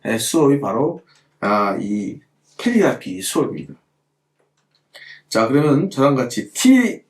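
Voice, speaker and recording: Animated man teaching calligraphy, echoey room. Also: a little high. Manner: animated, repetitive, rhetorical questions to students. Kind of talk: hands-on lesson while demonstrating.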